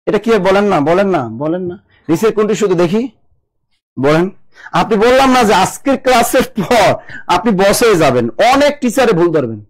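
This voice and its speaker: A man from Bangladesh teaching a live online spelling class. He urges students on briskly, repeats words and drills them. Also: sits high, animated, rough recording.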